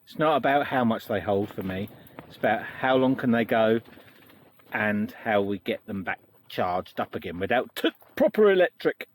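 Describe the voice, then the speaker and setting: Man, from the UK, casual vlog chatter, jokey, lively pitch. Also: normal speed, a little hiss or hum. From United Kingdom. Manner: jokey, chatty, laughs often. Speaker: vlogger giving a tent tour. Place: inside a large tent at a campsite.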